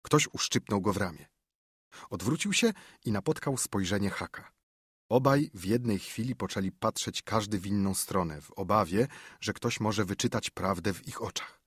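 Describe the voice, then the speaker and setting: A man narrating a classic novel in a measured, expressive storytelling manner. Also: fairly low pitch, breathy edge, dry recording, clean studio sound. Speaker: audiobook narrator. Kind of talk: scripted literary narration.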